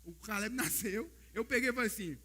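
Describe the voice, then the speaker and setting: A Brazilian man preaching a sermon as pastor, telling stories in an animated way and often calling out to the brothers in the congregation. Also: sits high, fairly quick. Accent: Brazilian Portuguese. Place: church service.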